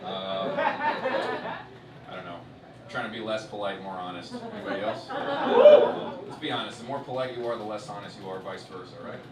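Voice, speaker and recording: A man doing a stand-up comedy set on a festival stage. He swears a lot and swings between loud outbursts and low muttered asides. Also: expressive, a little fast, pauses often, over a noisy crowd, heavy background noise. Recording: roomy hall, distant mic, loud audience.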